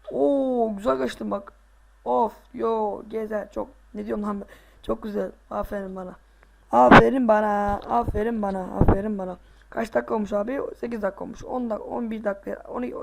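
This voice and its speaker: Excitable high-voiced gamer, gravelly edges. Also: male voice, normal speed. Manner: excitable, groans and boasts while playing. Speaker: gaming video host. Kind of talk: casual let's play commentary.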